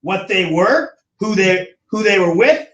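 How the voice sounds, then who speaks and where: High-voiced male teacher, distant echoey room. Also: unhurried, lo-fi sound. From United States. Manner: animated, acts out quoted voices. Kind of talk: classroom lecture. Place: classroom. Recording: echoey classroom from far off.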